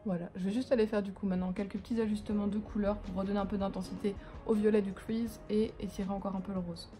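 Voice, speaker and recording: A woman talks through her makeup in a loose, rambling way, poking fun at herself and swearing casually. Her voice sits at an ordinary middle pitch for a woman. Faint music plays softly behind her at home. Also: flat delivery, fast talker. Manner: chatty, rambling, self-mocking, casual swearing. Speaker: beauty vlogger. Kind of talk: casual makeup tutorial chat. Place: living room at home, on a couch.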